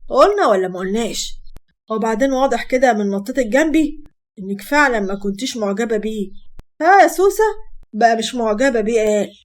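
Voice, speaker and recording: A woman's voice: fairly high pitch, animated, quick pace, a little mellow. A woman voicing a teasing, protective young older brother, with an Egyptian Arabic accent and an affectionate bantering manner.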